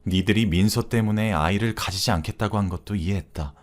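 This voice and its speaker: A man voicing a stern older mother who lectures and reproaches her daughter-in-law in a low, steady read. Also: fast talker, lightly acted.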